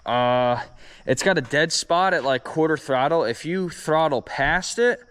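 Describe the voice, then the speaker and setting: Casual man with a smooth, clear voice. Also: fairly high pitch, unhurried, big-room sound. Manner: relaxed, many ums and uhs. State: out of breath after kick-starting. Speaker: vlogger. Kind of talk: casual explaining to camera. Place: outdoors by a driveway.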